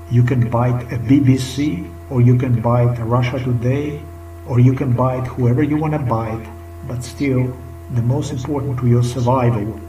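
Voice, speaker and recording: A middle-aged vlogger with a Slovenian accent talks unscripted to his webcam in a small indoor room, rambling, repeating himself and speaking emphatically, sometimes dropping to a whisper. His voice is medium-pitched and a little mellow, and the roomy webcam audio is picked up from a distance with faint music behind.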